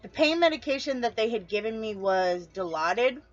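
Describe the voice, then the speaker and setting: A woman's voice: fairly high pitch, expressive, fairly quick, dull audio. A woman telling her story to camera in a casual vlog, chatty and rambling, losing her train of thought and talking straight to her viewers. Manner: chatty, addresses viewers directly. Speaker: vlogger.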